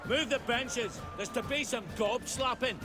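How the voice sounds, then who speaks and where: A blunt, rough-spoken chieftain. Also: male voice, extremely high pitch, a little slow, music in the background. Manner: blunt, commanding.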